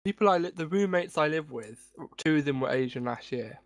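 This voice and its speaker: A man's voice: on the high side, expressive, fairly quick, no room sound, studio quality. A young man from England co-hosting a casual podcast chat, talking while he eats in a laid-back way. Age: young adult. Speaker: podcast co-host. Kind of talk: casual chat over a call.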